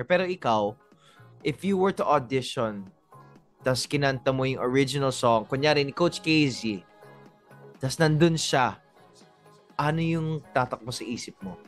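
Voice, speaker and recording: A Filipino co-host chatting playfully in a mix of Tagalog and English, now and then bursting into loud laughter. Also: mid-range voice, lively intonation, moderate pace, soft background music. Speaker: online show co-host. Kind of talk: lively chat mixing Tagalog and English.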